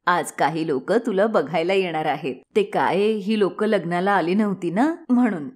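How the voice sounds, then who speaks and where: A woman voicing a gentle, patient old village mother-in-law who speaks softly and slowly. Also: on the low side, lightly acted. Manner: soft, slow and soothing.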